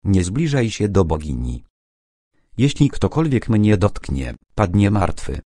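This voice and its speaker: Man doing a young woman as priestess, solemn, chanting, ominous, low voice, lively melody. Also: unhurried, no echo, clean studio sound.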